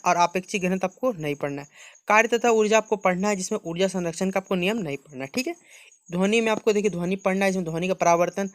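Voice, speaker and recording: A man's voice: high voice, no echo. A man, talking students through a syllabus and mixing Hindi with English terms. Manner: repeats "ठीक है" and "आपको", mixes Hindi with English terms. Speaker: teacher going over a syllabus. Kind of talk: screen-share walkthrough.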